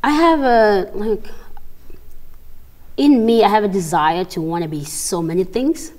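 Young woman from South Sudan, lively storyteller. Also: medium pitch. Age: young adult. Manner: lively storytelling, quick laughs, acts out quotes. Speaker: actress, interview guest. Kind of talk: casual interview talk. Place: TV studio set, seated on a sofa.

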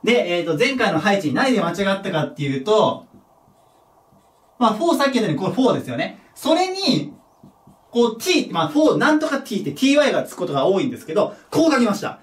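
A man teaching a junior high English lesson at a board, patient and step-by-step, checking in with his students and joking about his own mistakes. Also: very animated, quick pace, recorded from a distance. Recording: echoey room, voice from off the mic.

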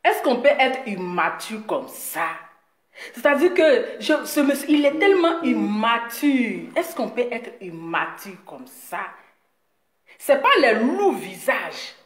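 A woman talking straight to her viewers in a boastful, mocking rant, teasing her critic with drawn-out words and frequent laughs. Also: fairly high pitch, very animated. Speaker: video blogger addressing her audience. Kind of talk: boastful direct-to-camera rant. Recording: echoey room.

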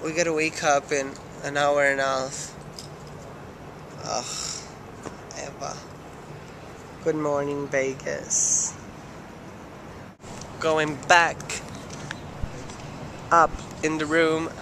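Sleepy young Italian vlogger, noisy background. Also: male voice, fairly high pitch, level tone, extremely slow, creaky, long pauses. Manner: sleepy, chatty, joking. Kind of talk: casual travel vlog.

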